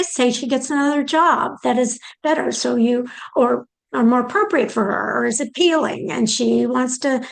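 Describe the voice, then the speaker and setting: A woman's voice: a little high, creaky, low-quality recording. An older woman giving an explanatory talk on planning for care, posing questions aloud and walking through each step. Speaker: presenter on aging and care planning.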